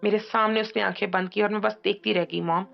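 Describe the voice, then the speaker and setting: A woman's voice: medium pitch, expressive, takes it slowly, vocal fry. A woman voicing a young woman crying with grief and stammering through her sobs in an audiobook drama. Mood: grief-stricken. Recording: dull lo-fi audio, faint music.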